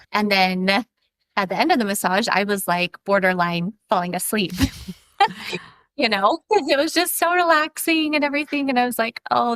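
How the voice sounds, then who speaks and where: A woman's voice: medium pitch, fairly bright tone, smooth, no echo. A woman in her forties, a podcast guest, telling a story in a chatty way and acting out what people said. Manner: chatty, laughs often, acts out quoted talk. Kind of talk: casual storytelling.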